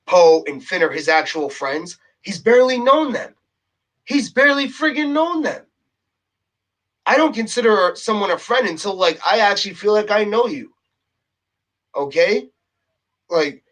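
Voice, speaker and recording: A vlogger with a fairly high, somewhat bright voice rants alone to camera over poor audio. Heated, exasperated and a bit out of breath, he repeats himself and ends his points with "okay?".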